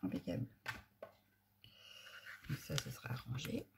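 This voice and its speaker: A woman's voice: a bass voice, expressive, unhurried, vocal fry, heavy background noise. A woman hosting a casual crafting tutorial, giving a chatty running commentary as she works, with muttered asides.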